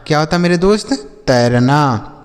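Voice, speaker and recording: A man with a Hindi accent teaches children to read English, sounding out each letter slowly before he asks a question and answers it himself. His voice sits a little high. The recording carries a long reverb tail. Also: animated. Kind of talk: spelling-out lesson for children.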